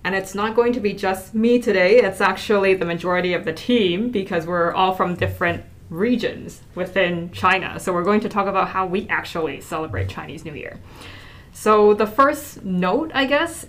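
An upbeat young woman hosts a casual podcast chat. She introduces the show and steers the talk with friendly questions. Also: mid-range voice. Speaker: podcast host.

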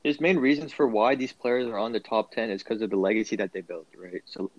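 Low-voiced man on a dull dry mic. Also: fairly even intonation, dry recording. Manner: measured, fills with um. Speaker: podcast co-host. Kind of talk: casual sports debate.

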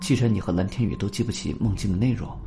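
A man narrating a suspense audiobook in the first person, calm, measured and earnest. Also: lowish voice, vocal fry. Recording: faint background music.

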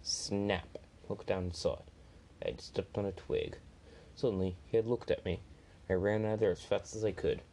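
A man's voice: low-pitched, fairly even intonation, fairly quick, dark tone, slight background noise, rough recording. A man reading a first-person story aloud, plainly, with small slips and restarts.

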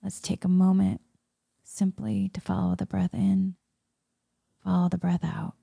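Female meditation leader; soothing half-whispered murmur, very dark mellow tone, dry close sound. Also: mid-range voice, level tone, measured pace, dry recording. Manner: soft, breathy, soothing spa-like murmur, often slipping into whisper. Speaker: guided meditation leader, Reiki healer. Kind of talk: soft guided meditation.

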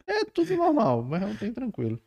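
A host teases his guest in slangy, easygoing chat. His voice is gravelly and slightly high, and it leaps around a lot. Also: wildly swooping pitch, fairly quick, darkish tone. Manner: teasing, slangy. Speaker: podcast host. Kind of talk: casual podcast chat.

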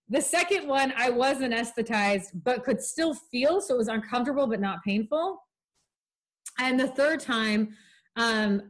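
A young woman is hosting a relaxed conversation and talks with a slightly high voice. She tells stories with energy and acts out what other people said. It is easy, casual chat. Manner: animated storytelling with quoted voices. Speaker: podcast host.

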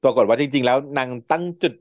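Here a male podcast host talks fast at a medium pitch, with no room sound. He retells a TV series casually and playfully, laughing a lot.

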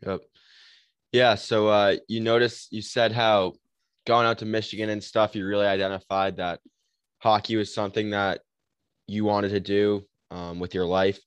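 A man's voice: lowish voice, little pitch movement, moderate pace, smooth, dry recording. A man hosting a podcast, asking long rambling questions in a casual way. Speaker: podcast host.

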